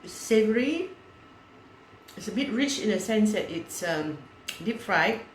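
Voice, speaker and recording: Woman, cooking-channel host, casual step-by-step chat, middle pitch, echoey kitchen sound. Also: animated, a little hiss or hum. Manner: chatty, unhurried, walks through each step aloud.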